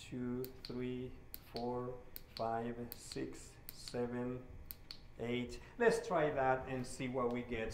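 Bike-shop man, 40s, slightly high voice, easygoing tutorial tone, roomy showroom sound with faint hiss. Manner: relaxed and friendly, with many "uh" fillers. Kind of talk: hands-on repair tutorial.

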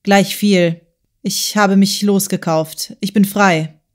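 A woman's voice: mid-range voice, steady tone, slow, close to an everyday voice. A woman reading a tormented, proud male writer. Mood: bitter. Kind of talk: audiobook character voice.

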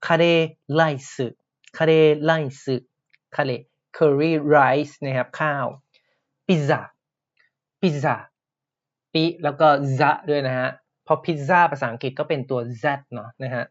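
A man teaching Japanese words in a podcast lesson, explaining patiently and repeating each word slowly. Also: a little high, fairly even intonation, muffled recording.

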